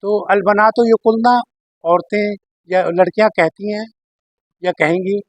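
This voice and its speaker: Man, high pitch, dry close sound; patient grammar teacher who repeats each form slowly. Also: steady tone, no echo. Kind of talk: Arabic grammar lesson.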